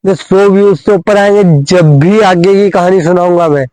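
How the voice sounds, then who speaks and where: A man's voice: high voice, moderate pace, dark tone, dry recording, poor audio. A young man telling a school story on a phone in a casual comic vlog, rambling with many fillers and repeated phrases. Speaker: vlogger.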